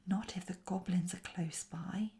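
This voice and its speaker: A croaky, watchful frog, as a woman whispers him in a bedtime whispered role-play: low, dark-toned and slow, with hushed urgency. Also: fairly even intonation, natural voice. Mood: urgent. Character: croaking male frog helper, cautious.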